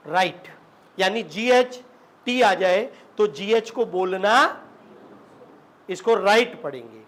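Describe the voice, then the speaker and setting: Bright and forceful, this man's very high-pitched voice carries an English spelling lesson. He questions the class, repeats what he asks, and lapses into local Rajasthani speech.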